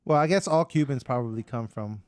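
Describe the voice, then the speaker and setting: A man's voice: mid-range voice, brisk, darkish tone, no room sound, studio quality. A young adult man and father, co-hosting a podcast in casual, joking banter. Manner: joking, teasing, laid-back. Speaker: podcast co-host. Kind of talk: casual chat.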